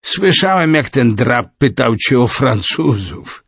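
A man's voice: mid-range voice, sing-song, slow, gravelly, a bit bright, breathy edge, no room sound, heavily acted. A man voicing a kindly, good-natured old man who warns a boy.

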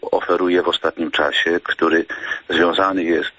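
Low-voiced priest type doing a slow thoughtful radio talk, lots of ums, dry muffled sound. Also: male voice, level tone, sharp tone, no room sound. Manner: measured, halting with frequent pauses and fillers.

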